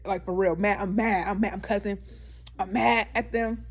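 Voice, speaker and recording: A woman's voice: medium pitch, steady tone, moderate pace. A young woman YouTuber telling a candid birth story in a casual storytime vlog, talking straight to her viewers. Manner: chatty, candid, addresses viewers as y'all.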